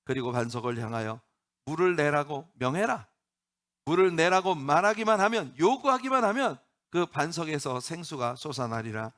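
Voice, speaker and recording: A man voicing a solemn, commanding divine figure who gives slow, grave orders in a sermon. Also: fairly high pitch, animated, fairly bright tone, voice pushed down.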